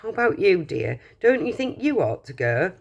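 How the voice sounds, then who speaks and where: A woman reading a children's storybook aloud, voicing a calm, caring mother who speaks gently. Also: lowish voice, normal speed, gravelly, lo-fi sound, exaggerated voice. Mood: coaxing.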